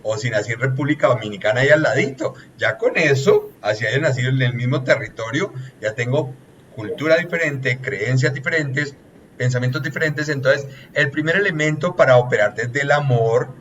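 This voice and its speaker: A man of middling pitch talks through ideas like a coach, patient and earnest, ticking off points and trailing lists with "etcétera". The sound is dull and lo-fi, with a faint hiss underneath. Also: lively intonation, moderate pace, a bit bright. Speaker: relationships consultant, guest. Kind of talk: explanatory coaching talk.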